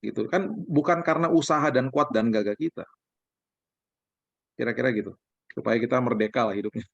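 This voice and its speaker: Pastor, male, brisk conversational sermon, muffled call audio. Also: mid-range voice, creaky, no echo. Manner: relaxed, conversational preaching with acted quotes. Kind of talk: sermon-style sharing over video call. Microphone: video call. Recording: dull lo-fi video call audio.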